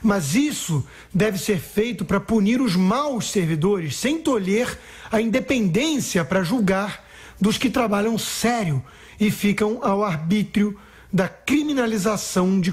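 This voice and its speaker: A man's voice: high voice, expressive, measured pace, breathy edge. A man reading a prepared political opinion piece on the radio in a firm, emphatic way. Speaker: political commentator. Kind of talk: scripted radio opinion commentary.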